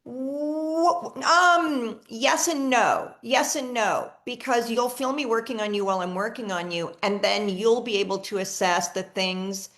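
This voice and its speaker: On a video call, a woman runs a live energy healing session with chatty enthusiasm, frequently repeating and restarting her words. Her voice is on the high side and a bit bright, a little slow with few pauses.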